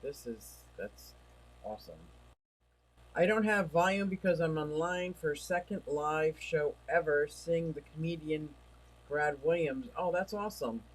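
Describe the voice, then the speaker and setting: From home, a man runs a relaxed livestream, wandering between topics in a chatty way and reading out messages from his chat. His voice sits a little high for a man, and he feels it starting to give out. He's unhurried, and the audio is poor.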